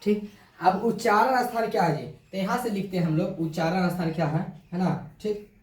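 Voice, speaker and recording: A man's voice: high-pitched, moderate pace, far from the mic. Man teaching in an echoey room. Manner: repetitive, quizzing with rhetorical questions and "है ना". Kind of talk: classroom grammar lesson.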